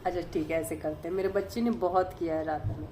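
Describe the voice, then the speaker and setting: A woman vlogger telling a personal story in a casual, rambling way, softly and with many fillers and restarts. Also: fairly low pitch, fairly even intonation, quick pace, a little hiss or hum.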